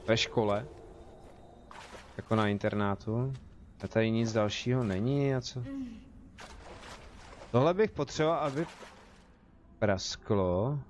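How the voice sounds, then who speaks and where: Chatty Czech gamer talking to viewers. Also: male voice, on the low side, long pauses, slight background noise. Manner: chatty, talks to viewers and the game, jokey. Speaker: game streamer. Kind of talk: casual live gameplay commentary.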